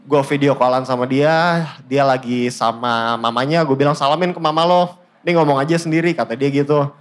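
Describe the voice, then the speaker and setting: A man in his twenties with a Jakarta accent, telling his life story in a casual, joking way with deadpan fake-outs and English mixed in. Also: mid-range voice, fairly quick. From Indonesia. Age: 20s. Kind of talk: casual stand-up style storytelling.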